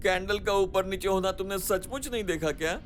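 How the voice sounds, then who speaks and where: A man's voice: high voice, fairly quick, a little hiss or hum, lightly acted. A man doing a cowardly jittery uncle. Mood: panicky. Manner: nervous, rambling, voice jumps up in panic. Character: cowardly jittery middle-aged uncle, clingy, comic. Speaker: fearful uncle in a comedy film. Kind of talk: Hindi film dubbing.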